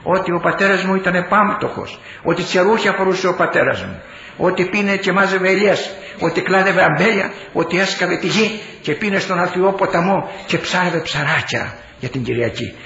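A man's voice: sits high, gravelly, pushed and bright. An older man, a bishop, giving a fiery sermon-style speech, exclaiming and repeating his phrases. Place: large hall. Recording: dull echoey hall recording.

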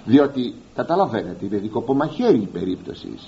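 A man preaching a sermon, speaking straight to his listeners and slowly drawing out the words he wants to stress. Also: on the low side, big pitch swings, creaky, mellow, highs cut off, a little hiss or hum. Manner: addresses listeners directly as "beloved".

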